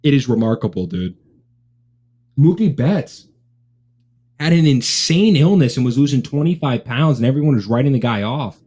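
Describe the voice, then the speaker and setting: A man's voice: medium pitch, expressive, fast talker, hardly any pauses, darkish tone. A young man hosting a sports watch party, chatting casually like a frat bro with lots of bro and dude. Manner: frat-bro slang, constantly says bro and dude. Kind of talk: casual live stream chat.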